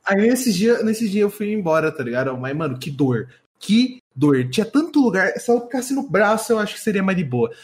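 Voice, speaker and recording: A man's voice: sits high, big pitch swings, brisk, hardly any pauses. A young man with a Brazilian accent telling a school story in casual, slangy podcast chat, rambling and laughing often. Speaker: podcast co-host.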